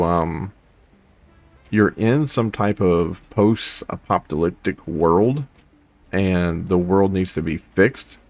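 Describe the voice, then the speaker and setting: A man's voice: deep voice, a little mellow, no room sound. A young man casually chatting and rambling while playing a video game, humming to himself between thoughts. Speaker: gaming video host. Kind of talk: casual let's play commentary.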